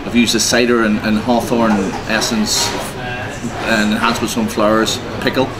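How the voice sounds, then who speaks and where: A man from Donegal, a development chef, talking in a halting way with many restarts in an interview. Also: on the low side, level tone, low-quality recording. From Donegal, Ireland. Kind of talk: casual interview. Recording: crowd chatter behind.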